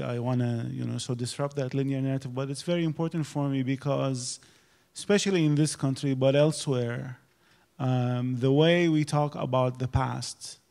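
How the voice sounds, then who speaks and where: An older man from Iraq, a poet speaking thoughtfully on an auditorium stage panel into a handheld mic, with halting restarts. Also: medium pitch, gravelly, darkish tone. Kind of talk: reflective panel discussion.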